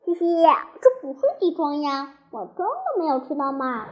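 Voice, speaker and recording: A woman's voice: high-pitched, big pitch swings, moderate pace. A woman voicing a carefree, cheeky little schoolgirl who talks in a giggly, nonchalant way.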